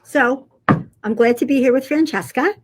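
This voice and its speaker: A woman's voice: high voice, normal speed, slightly rough. A middle-aged woman co-hosting a livestream, talking earnestly in long, rambling sentences. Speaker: co-host. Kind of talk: livestream chat.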